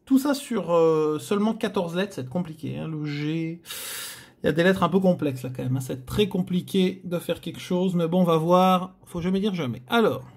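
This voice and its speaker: A man's voice: high voice, brisk. Chatty man groaning over scratch cards. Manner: chatty, theatrical, addresses viewers, frequent groans. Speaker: host. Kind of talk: scratch-card video commentary.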